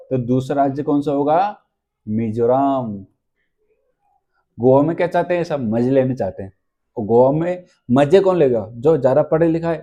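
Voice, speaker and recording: Man, teacher, higher voice, mellow tone, quizzes and repeats points. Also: lo-fi sound. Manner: asks questions then answers them himself; repeats key points, drills with mnemonics. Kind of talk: exam-prep lesson.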